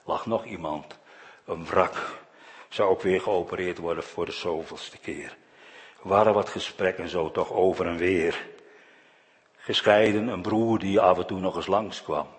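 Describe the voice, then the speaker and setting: A man preaching a sermon in a church, earnest, with phrase endings that drop to a soft, quiet close. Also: deep voice, measured pace, big-room sound.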